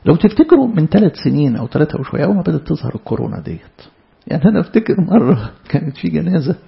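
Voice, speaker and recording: A man with an Egyptian Arabic accent teaches from the Bible in a chatty, questioning way. His voice is strongly gravelly and sits a little high. The recording sounds dull and lo-fi. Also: very animated, rapid-fire. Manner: conversational, asks rhetorical questions. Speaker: preacher.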